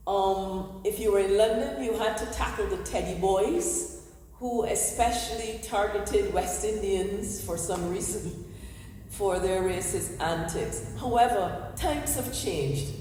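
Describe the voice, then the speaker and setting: A woman's voice: mid-range voice, mellow. A woman hosting a community talk in a church, speaking earnestly to an audience through a handheld microphone. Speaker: event host and historian. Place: large echoey church hall. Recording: echoey hall, room noise.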